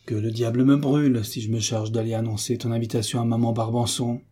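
An older sailor uncle, read by a man in a storybook, all gruff bluster that gives way quickly. The tone is dark and mellow, and the voice husky. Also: mid-range voice, little pitch movement, lightly acted. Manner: gruff and bluster, easily cowed. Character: fearful old male sailor veteran, blustering uncle.

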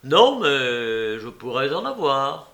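Man voicing a cheeky young nephew, wheedling, playful, bright, creaky, audiobook. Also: medium pitch, sing-song, slow, full character voice. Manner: coaxing, playful, hesitant. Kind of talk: audiobook character reading.

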